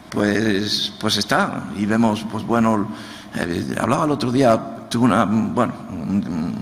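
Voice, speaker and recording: A man's voice: lowish voice, fairly bright tone. A man, a pastor with an Andalusian accent, preaching a sermon, often repeating words as he searches for them and asking the congregation to answer back. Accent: Andalusian Spanish. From Andalusia, Spain. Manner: asks the congregation for response. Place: church hall. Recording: church hall with long reverb, faint noise.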